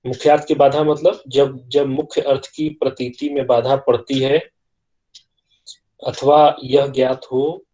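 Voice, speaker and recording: A man's voice: mid-range voice, little pitch movement, unhurried, mellow, low-quality recording. A man lecturing on literary theory in an online class, explaining concepts step by step in a teacherly way. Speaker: college lecturer.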